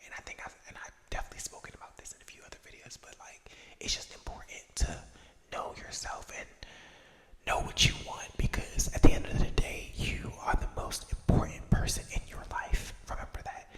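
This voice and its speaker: An ASMR creator of unclear gender whispering a casual, reflective personal ramble in a hesitant, self-correcting way, with an echo effect on the voice. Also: brisk. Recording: long echoing reverb on whisper.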